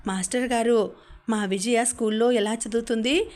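A woman's voice: fairly high pitch, fairly even intonation, moderate pace, a little mellow, close to an everyday voice. A woman voicing an affectionate young mother who speaks tenderly and coaxingly, in an audiobook.

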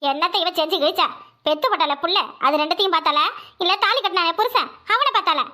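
A woman voicing a shrill, scheming village mother-in-law. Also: fast talker, bright, forceful tone. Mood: mocking. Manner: scolding, blunt and mocking. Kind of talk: cartoon voice acting.

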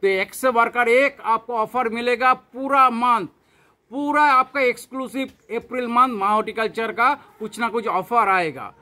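A man's voice: very high-pitched, measured pace, pushed and bright. A man in his thirties with an Indian accent giving an emphatic, repetitive promotional sales talk to camera, mixing in English terms. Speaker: plant nursery seller and channel host. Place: covered open-air yard beside a house.

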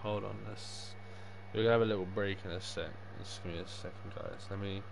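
A man's voice: low-pitched, fairly even intonation, brisk. A young man chatting casually on a gaming livestream, sweary and full of matey slang. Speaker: livestreaming gamer. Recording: clear background noise.

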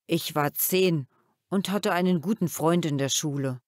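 A woman voicing a gentle, thoughtful father who talks calmly and a little sadly, in a children's audiobook. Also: sits low, measured pace, no room sound, studio quality. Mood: reflective. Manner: calm, reflective storytelling.

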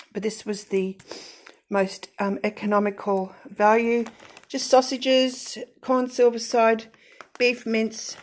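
Middle-aged woman, fairly high voice, chatty, lots of ums, casual haul voice-over. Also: darkish tone. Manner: chatty, frequent ums and self-corrections. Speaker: grocery haul vlogger. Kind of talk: casual voice-over showing groceries.

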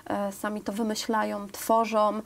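A woman's voice: medium pitch, monotone, a little slow, vocal fry. A woman in her thirties, a guest in a TV studio interview, talking earnestly with many fillers and piling up examples. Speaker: volunteer program guest. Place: TV studio, seated on sofa.

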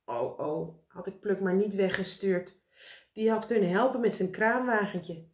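A woman voicing an anxious, fussy old gentleman who worries and insists on clear instructions. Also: mid-range voice, unhurried, lightly acted. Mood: worried. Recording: roomy echo.

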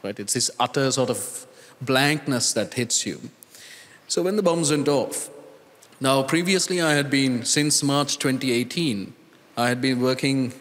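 A man's voice: mid-range voice, fairly bright tone. Earnest Sri man in echoing hall. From Sri Lanka. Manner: earnest, deliberate, with pauses and restarts. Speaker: conference panelist, data scientist. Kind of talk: conference panel talk. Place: large conference hall stage. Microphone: handheld microphone. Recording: reverberant conference hall sound.

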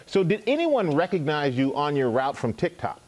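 A male co-host with a slightly high voice that swings widely in pitch. He sounds upbeat as he keeps the live segment moving. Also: big pitch swings, moderate pace, a little mellow. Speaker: morning show host. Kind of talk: live TV interview.

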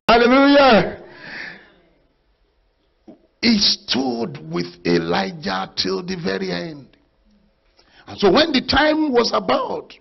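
A man with a Nigerian accent preaching a sermon as pastor, telling the story with animated acted-out voices and frequent laughter. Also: high voice, creaky. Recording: muffled lo-fi recording.

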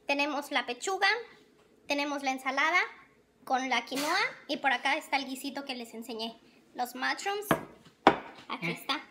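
A woman's voice: high voice, moderate pace, pauses often, noisy background. A woman, chatting casually to viewers while filming herself on a phone at home and in her car. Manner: chatty, keeps addressing viewers as friends. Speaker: vlogger. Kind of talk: casual chat to camera. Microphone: phone held at arm's length.

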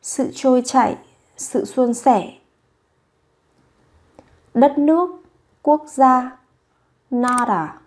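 A woman teaching vocabulary, reading each word slowly and repeating it three times with careful pronunciation. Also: on the high side. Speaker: language teacher. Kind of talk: vocabulary drill, slow and repetitive.

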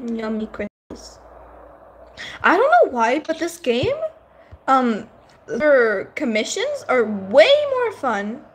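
A woman streamer talking over her gameplay, giggly and excitable. Her voice sits high and lively at an unhurried pace, with faint noise behind. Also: poor audio. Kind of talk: casual gameplay commentary.

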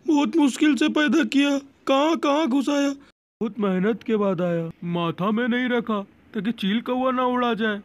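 A man voicing a crude, sentimental father who must part with his son, overplaying the sorrow in a comic fan dub. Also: sits high. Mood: mock-sincere. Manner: melodramatic, crude, mock-tearful.

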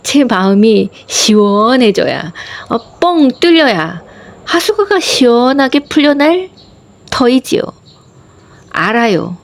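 A woman's voice: fairly high pitch, big pitch swings, slow, gravelly. A woman, a wife and mother, narrating a reflective personal story in an earnest voice that sometimes drops to a whisper. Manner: soft, earnest, slips into whispers at times. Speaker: vlogger sharing a personal meditation story.

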